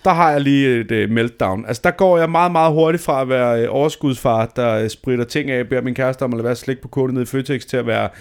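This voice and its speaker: A man's voice: mid-range voice, hardly any pauses, clean tone. A man in his thirties telling a dramatic, self-mocking story in a casual chat, swearing freely.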